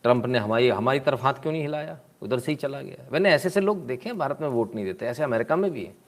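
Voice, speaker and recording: A man's voice: medium pitch, animated, fast. Sarcastic man doing casual commentary. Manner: sarcastic, mocking asides; clears throat often. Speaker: political commentator.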